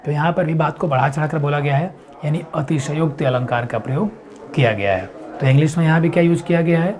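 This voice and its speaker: A man teaching an exam-prep lesson, explaining step by step and answering his own questions, reading quiz lines slowly. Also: fairly high pitch, darkish tone. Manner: reads English quiz lines slowly and deliberately.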